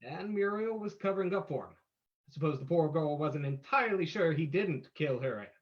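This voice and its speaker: A man's voice: a little high, expressive, moderate pace, close to an everyday voice. Man acting a theatrical radio vigilante detective, muffled audio, the Shadow. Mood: sombre. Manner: theatrical, explanatory, dramatic. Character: the Shadow, suave, menacing male vigilante detective. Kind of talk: old-time radio drama acting.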